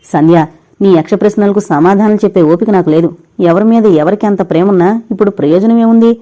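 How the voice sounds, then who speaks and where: A heartbroken young man pours out pained, bitter words, begging his lost love to leave him. A woman reads him in an audio novel. The voice stays mellow and warm. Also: mid-range voice, quick pace, dull audio, natural voice. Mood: anguished. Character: heartbroken young man drinking himself to ruin.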